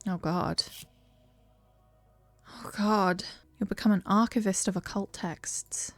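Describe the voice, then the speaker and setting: A woman voicing a young fortune-teller witch in a video game, reading the dialogue softly and earnestly. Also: medium pitch, fairly even intonation, takes it slowly, no room sound, soft background music, lightly acted. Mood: tender.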